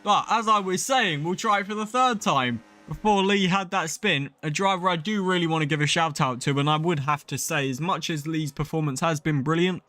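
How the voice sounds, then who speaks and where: A young man giving excited live commentary on an online sim racing league race, his voice rising sharply at crashes and the arrival of rain. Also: on the high side, normal speed, few pauses, no room sound, soft background music.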